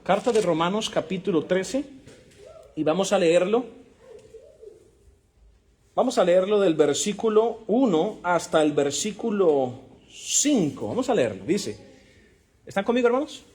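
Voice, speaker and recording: An emphatic man teaching a Bible class as a sermon, throwing rhetorical questions at his congregation and calling for amens. His voice sits a little high and sounds husky. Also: expressive, unhurried, pauses often, darkish tone. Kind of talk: sermon-style Bible lesson.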